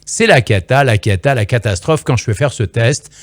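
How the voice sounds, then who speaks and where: Animated, playful male voice-over coach. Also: mid-range voice, moderate pace, dry recording, studio quality. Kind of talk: direct-to-camera advice lesson.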